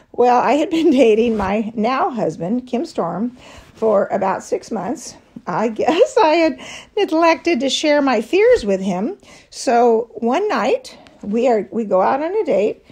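A woman's voice: a little high, a little mellow, breathy edge. A middle-aged woman giving a devotional teaching talk to a women's fellowship, telling personal stories with light laughs. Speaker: women's ministry speaker.

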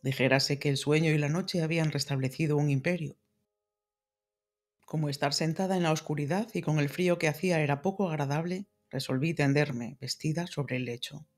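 A man reading a classic novel aloud as an audiobook narrator, in a measured, dramatic style. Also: fairly high pitch, faint music behind. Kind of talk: scripted literary narration.

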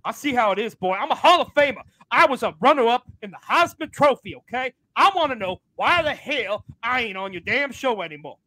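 A man voicing a loud, boastful veteran wrestler who bullies the hosts and calls them boy. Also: very high-pitched, expressive, a little fast, hardly any pauses, no room sound, pitched above the performer's own voice, full character voice, rough recording. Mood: angry.

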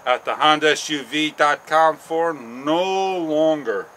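A man in his forties vlogging outdoors, rambling slowly and haltingly with frustration, on a clip-on mic. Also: fairly high pitch, bright, forceful tone, slight background noise. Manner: slow, halting, frustrated rambling with long pauses. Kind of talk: casual walk-and-talk vlog. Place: outdoors on a sunny garden patio and paths. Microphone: small wireless clip-on mic.

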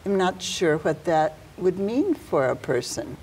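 An older woman hosts a studio interview. She has a low, mellow voice and puts her questions very slowly, pausing between phrases. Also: very animated, slight background noise, low-quality recording. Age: older, about 70s. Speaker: talk show host, interviewer.

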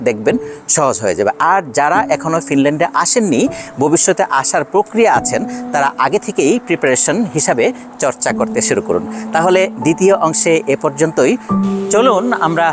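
Teacher, male, from Bangladesh, higher voice, patient and repetitive, music underneath. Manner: patient, slow repetition of example words. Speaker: language teacher. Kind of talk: Finnish lesson explained in Bengali. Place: shopping center.

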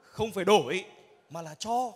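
A man playing a customer in a stage comedy sketch, calm and teasing. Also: sits high, moderate pace, slightly rough. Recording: reverberant hall.

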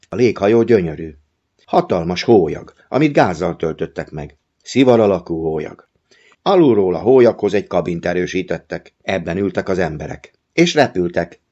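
A man reading a novel aloud as an audiobook narrator, in a calm, measured storytelling manner. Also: low-pitched, muffled recording.

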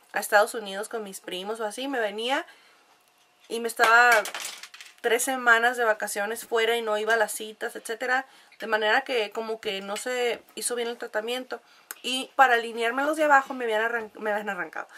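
A woman's voice: on the high side, bright, forceful tone, a little hiss or hum. A young Mexican woman with a nasal voice, chatting casually to camera at home, laughing often and using lots of fillers. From La Paz, Mexico. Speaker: vlogger.

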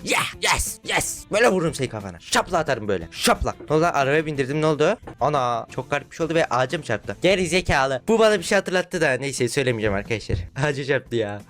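A young man chatting to viewers while playing a horror game, talking to himself, sometimes yelling when he is scared. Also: a little high. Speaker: gaming video host. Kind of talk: casual Roblox horror gameplay commentary.

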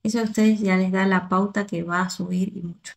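Woman, gravelly voice, excited dance-teacher commentary, repeats herself. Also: mid-range voice, fairly quick, noisy background. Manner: excited, repeats words, many restarts. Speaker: choreographer and dance teacher reacting to videos. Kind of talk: casual reaction commentary.

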